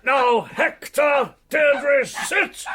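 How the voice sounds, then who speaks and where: A man's voice: very high voice, drawn-out words, raised voice, background noise, exaggerated voice. An actor playing a pompous, fussy English chief constable in a radio drama, calling out commands to his pet dogs. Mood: exasperated, commanding. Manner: pompous, hesitant, long-winded.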